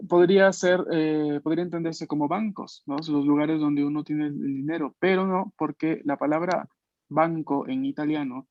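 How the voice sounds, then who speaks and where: A man with a slightly raised voice teaches a class over a video call, explaining each point slowly and checking in with his listeners as he goes. The sound is dry and a little dull, with no room echo at all. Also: fairly high pitch, a little mellow. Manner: patient, explanatory, frequent "¿no?" tags. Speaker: language teacher.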